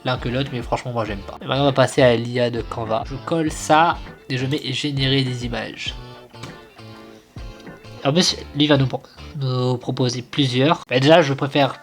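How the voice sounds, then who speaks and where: Young man, casual slangy commentary, hesitant and halting, average pitch. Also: fairly even intonation, faint music behind. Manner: hesitant, slangy, repeats and restarts often. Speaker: YouTuber testing image tools. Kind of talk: casual screen-recording commentary.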